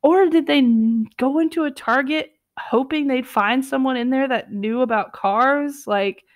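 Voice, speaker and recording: A woman's voice: sits high, a little slow, dry recording, clean studio sound. A young woman casually reading online stories aloud and commenting on them, chatty and giggly. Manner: chatty, giggly, lots of filler words. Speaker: channel host reading stories.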